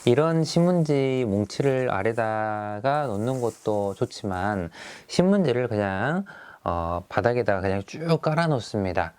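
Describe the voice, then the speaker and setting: A man's voice: medium pitch, expressive, measured pace, few pauses, darkish tone, clear, resonant tone. A middle-aged male teacher who talks through classroom activities in a friendly, explaining way, often starting with fillers.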